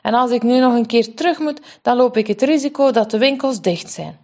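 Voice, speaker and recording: A woman's voice: a little high, fairly quick, darkish tone, voice pushed up. A woman voicing a flustered teenage girl who curses at her own forgetfulness, in a storybook reading. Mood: frustrated. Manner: frantic, swearing. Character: panicked teenage girl, older sister.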